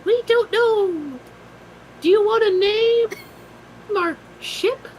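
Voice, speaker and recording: A dainty little pixie spirit from a tabletop game, polite and eager. The voice is extremely high and unhurried, with faint noise behind it. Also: male voice, poor audio. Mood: polite, hopeful. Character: tiny pixie-like spirit crew inside a bottle, eager. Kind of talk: tabletop game role-play.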